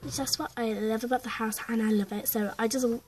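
A chatty young girl with a high, light voice rambles through a casual vlog update, stopping and starting with lots of fillers. A faint hiss and the odd click sit behind her in a room at home. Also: steady tone, quick pace, a little mellow. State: out of breath. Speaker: vlogger. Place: at home indoors.

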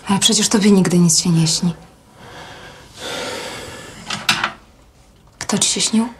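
A woman's voice: medium pitch, quick pace, lightly acted. An actress in her thirties playing an earnest, suspicious wife in a naturalistic film drama. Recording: faint background noise.

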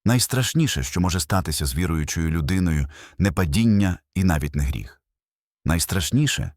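A man's voice: rumbling low, slightly rough, dry recording, clean studio sound. A man delivering a scripted sermon narration as a preacher, solemn and emphatic, building with short repeated phrases.

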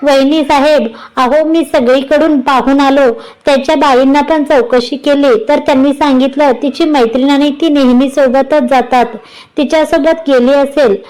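A woman's voice: high voice, steady tone, moderate pace, darkish tone, lightly acted, rough recording. A woman voicing a scared male household servant who reports the news fearfully. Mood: frightened. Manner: breathless, fearful.

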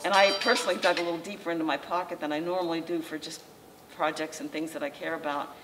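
With music playing in the background, an older woman speaking in a low voice with fairly even intonation delivers an informal slideshow lecture as local historical society president. A small audience listens in the library meeting room indoors while she talks conversationally, halting and restarting often. A distant camera mic records the masked speaker with faint room noise.

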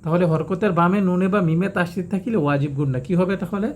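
A man teaching recitation step by step, explaining quickly and then reciting each verse slowly in a drawn-out, melodic way. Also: high-pitched, darkish tone, slight background noise. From Bangladesh.

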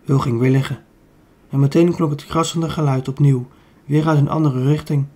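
With a slightly high, darkish voice at a normal speed and fairly even intonation, this audiobook reader, a man with a Dutch accent, reads a children's book aloud and corrects minor slips as he goes.

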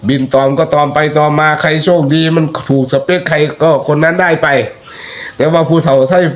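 A man's voice: a little high, fairly even intonation, moderate pace. A man with an Isan accent giving chatty, folksy spoken commentary that turns into preachy warnings to his listeners. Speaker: online commentator.

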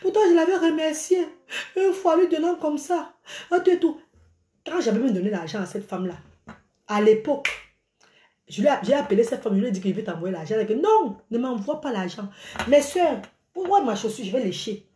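In a small room next to a curtain, a middle-aged Cameroonian woman goes live on her phone, held at arm's length, to rant at her followers with plenty of exclamations and gestures. Her voice is high-pitched and fairly quick, the room echoes, and there's slight background noise.

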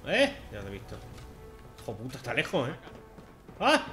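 A man with a Spanish accent from Spain, giving chatty, sarcastic let's-play commentary with sudden loud outbursts. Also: mid-range voice, wildly swooping pitch, normal speed. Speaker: gaming video host. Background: game music.

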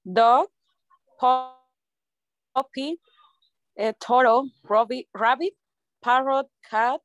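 High, halting woman student. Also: dry recording, highs cut off, soft background music. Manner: halting, unsure. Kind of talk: reciting vocabulary in class. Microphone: video call.

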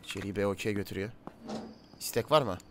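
A man giving casual let's-play commentary, chatting to game characters and his viewers, swinging from low mutters to loud calls. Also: fast, background noise. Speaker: gaming YouTuber.

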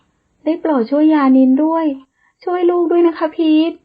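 A woman's voice: high voice, measured pace, highs cut off, pitched above the performer's own voice. A woman voicing a distraught young mother who pleads through tears, in an audiobook. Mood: pleading. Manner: pleading, tearful.

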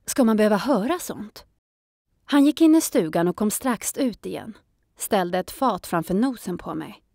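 A woman narrating a children's audiobook in a calm storytelling manner. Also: mid-range voice, vocal fry, dry recording, studio quality.

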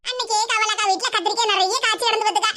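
A woman's voice: very high-pitched, fairly even intonation, racing. A woman voicing a scheming, sweet-talking village neighbor in a cartoon, with a Tirunelveli Tamil accent, muttering sly asides. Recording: loud background noise.

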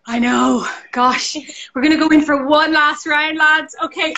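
High-pitched Irish woman coaching a workout. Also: measured pace, reverberant, slight background noise, poor audio. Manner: energetic, counting down and cheering. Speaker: fitness instructor. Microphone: video call.

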